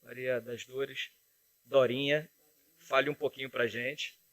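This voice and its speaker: A man's voice: mid-range voice, steady tone, slow pace, fairly bright tone, dry recording. A man hosts an interview podcast, making polite, formal introductions. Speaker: podcast host.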